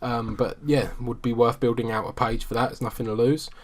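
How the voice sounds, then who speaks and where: Man, screen-share tutorial, relaxed, chatty, lots of ums, mid pitch. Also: brisk. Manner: relaxed, conversational, frequent ums. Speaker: SEO marketing instructor.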